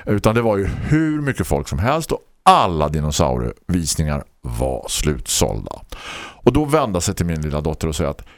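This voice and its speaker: Animated man telling a story. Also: few pauses, no echo, clean studio sound. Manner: animated, laughing storyteller with big swings in pitch. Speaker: host. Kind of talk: casual storytelling chat.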